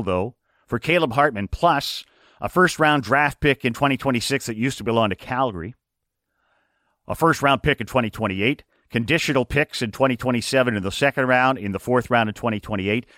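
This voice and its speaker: A man's voice: medium pitch, fairly bright tone, no echo, studio quality. A man hosting a sports radio show, rattling off hockey trade details. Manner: rapid rundown of hockey trades.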